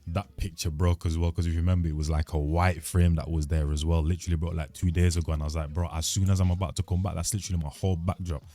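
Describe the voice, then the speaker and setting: Talking fast with few pauses, this young man hosts his channel in a loose, slangy, meandering vlog chat to camera. His low, mellow voice stays flat, picked up by a studio mic on his home desk.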